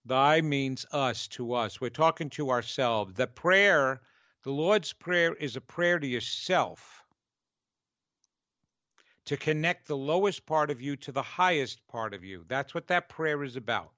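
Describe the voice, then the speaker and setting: A man's voice: medium pitch, animated, a little slow, sharp tone, no room sound, highs cut off. A man with a New York accent hosting a spiritual teaching show, speaking conversationally and emphatically, stretching key words. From New York, United States.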